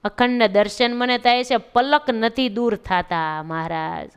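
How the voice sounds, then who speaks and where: A woman's voice: a little high, a little slow, clean tone. A woman with a Gujarati accent telling a devotional story as a sermon, expressively acting out the pleading voices of the people in it. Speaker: religious storyteller.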